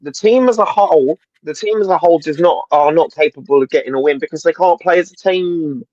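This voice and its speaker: High-voiced man, muffled call. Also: a little fast, darkish tone, no echo. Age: 40s. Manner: laddish banter, ends lines with bro and mate. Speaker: co-host. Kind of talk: casual livestream chat.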